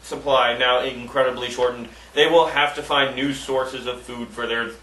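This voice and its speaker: A man's voice: medium pitch, fairly even intonation, normal speed, pushed and bright, far from the mic, slight background noise. A male co-host on a comedy talk show, telling news stories and putting on mock indignation. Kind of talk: casual comedic banter. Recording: echoey room, off mic.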